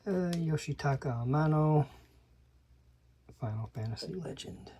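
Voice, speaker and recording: A man's voice: on the high side, animated, unhurried, warm tone, a little hiss or hum. A man flipping through an old magazine, reading ad slogans aloud and adding dry, muttered asides, sometimes dropping to a whisper. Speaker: channel host. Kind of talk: casual commentary while paging through a magazine.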